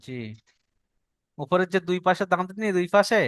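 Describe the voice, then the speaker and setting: A man with a Bengali accent teaching Quran pronunciation online, patiently repeating each point slowly for his student. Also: high-pitched, fairly bright tone, smooth, no room sound. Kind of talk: online tajweed lesson.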